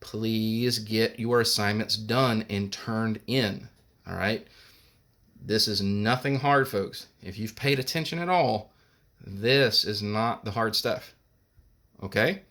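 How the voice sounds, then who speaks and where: A man's voice: lowish voice, takes it slowly, a bit bright. A man teaching a recorded music lesson. He talks patiently, explains each step and sings solfege syllables.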